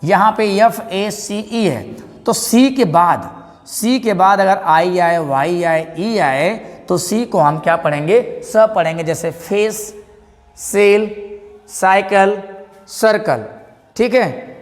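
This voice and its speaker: A man's voice: high voice, animated, slow, long reverb tail. A man teaching an English lesson. He keeps asking his class questions, answers them himself and repeats each word.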